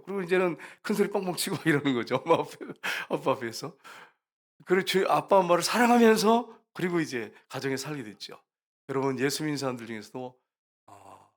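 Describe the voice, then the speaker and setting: Male pastor, middle-aged, slightly high voice, storytelling sermon with emphatic peaks. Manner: storytelling preacher, acts out quoted voices, rising to emphatic peaks.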